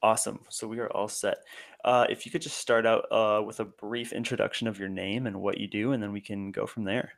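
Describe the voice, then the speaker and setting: A man's voice: fairly low pitch, little pitch movement, fairly quick, creaky. A man hosting an interview, laid-back and chatty, who says "awesome" and "cool" often and asks long, winding questions. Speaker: podcast host.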